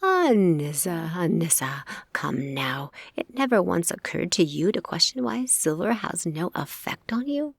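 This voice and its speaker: Woman doing a nasty old witch, slow mocking drawl, dry close sound. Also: fairly low pitch, big pitch swings, vocal fry, husky, no room sound, exaggerated voice. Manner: measured, mocking, drawn-out. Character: sly, cruel old female witch.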